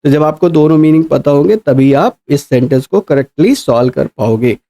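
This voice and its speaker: A male teacher with a slightly high voice. He explains step by step in a patient lecture style. He slows right down whenever he reads an example sentence aloud. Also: dark tone. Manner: explains patiently, asks "है ना?" often, reads English quoted sentences slowly. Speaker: English teacher. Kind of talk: exam-prep lecture.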